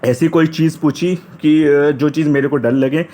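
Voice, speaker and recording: Young guy from up north india, kinda high voice, rambles through his interview story, keeps restarting lines. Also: fairly even intonation, unhurried, mellow. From Uttar Pradesh, India. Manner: chatty, retells dialogue, frequent restarts. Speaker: interview candidate recounting experience. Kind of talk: casual storytelling.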